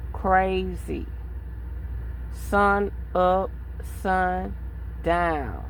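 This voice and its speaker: A woman's voice: mid-range voice, gravelly, a little mellow, a little hiss or hum, low-quality recording. A woman in her thirties talking bluntly and profanely in a rambling casual vlog monologue. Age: 30s. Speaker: vlogger.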